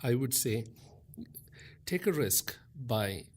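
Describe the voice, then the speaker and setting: A man giving conversational advice as a podcast guest and coach, explaining in halting phrases. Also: mid-range voice, lively intonation.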